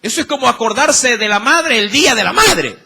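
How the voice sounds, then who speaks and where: A man's voice: very high-pitched, expressive, brisk, creaky, pushed and bright, husky. A man with an Ecuadorian accent preaching a sermon, emphatic and firing rhetorical questions at the congregation.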